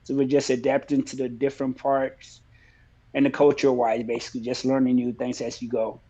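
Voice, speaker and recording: A man from Liberia who fights professionally, talking about his career in a relaxed, plainspoken way in a casual interview. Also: medium pitch, fairly quick, lo-fi sound. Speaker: MMA fighter, guest.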